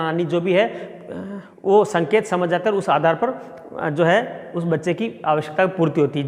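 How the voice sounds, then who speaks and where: A middle-aged male sociology professor giving a classroom lecture and explaining step by step with everyday examples. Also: sits high. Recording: long reverb.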